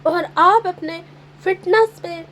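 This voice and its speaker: Brief: woman relationship coach, very high voice, slow and emphatic advice talk. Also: a bit bright, slight background noise. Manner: emphatic, repetitive, coaxing.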